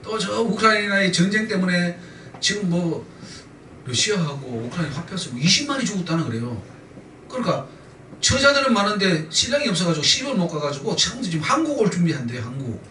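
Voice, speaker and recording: A man's voice: sits high, big pitch swings, quick pace, pushed and bright, slight background noise. A male pastor preaching a sermon with emphatic repetition, leading the congregation in call-and-response. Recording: echoey church sound from a distant mic.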